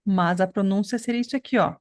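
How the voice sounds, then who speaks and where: A woman's voice: medium pitch, fast, darkish tone, no room sound, clean studio sound. Woman teaching pronunciation on a video call. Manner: explains patiently, checks in with "né?" and "tá?". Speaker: English teacher. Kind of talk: online class teaching pronunciation.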